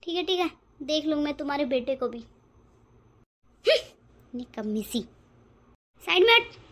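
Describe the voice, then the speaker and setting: A woman's voice: high voice, very animated, a bit bright. Bossy, taunting mother-in-law in a cartoon. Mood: scolding. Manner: taunting, bossy, quick to threaten. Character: scolding sharp-tongued Indian mother-in-law, middle-aged woman. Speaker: voice actor. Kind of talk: cartoon family drama acting.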